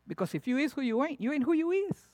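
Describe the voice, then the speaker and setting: Speaking quickly, a male pastor with a Latin American Spanish accent preaches a spirited sermon in a high-for-a-man voice that sounds close and dry, with no echo. He plays with contrast, alternating loud, punchy lines and quiet, whispered asides in an animated, playful way.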